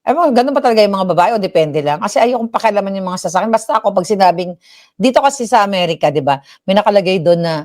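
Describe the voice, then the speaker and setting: A woman's voice: mid-range voice, darkish tone. A middle-aged woman from the Philippines, living in the United States, hosts a casual livestream and chats animatedly in Tagalog mixed with English, acting out the voices she quotes. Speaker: livestream commentary host. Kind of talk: casual chatty storytelling.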